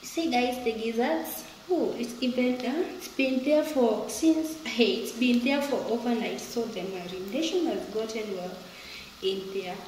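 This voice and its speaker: A woman's voice: on the high side, a little slow, a little mellow, a little hiss or hum. A woman vlogger giving casual, chatty commentary while cooking in her home kitchen, often laughing and calling viewers "guys". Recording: echoey kitchen with frying sizzle.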